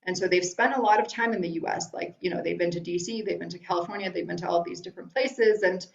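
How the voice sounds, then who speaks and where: Speaking fast, creaky and fairly low with fairly even intonation, a middle-aged woman from Iran casually takes viewer questions in a home webinar, often saying um and starting over. Her video call audio is dull, lo-fi and roomy.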